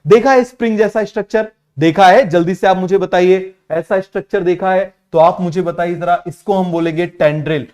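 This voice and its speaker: A male teacher giving an online biology lesson in Hindi-English mix, repeating key terms and urging students to answer quickly. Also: high voice, darkish tone. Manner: repetitive, keeps asking students to answer quickly; drills terms by repeating them slowly.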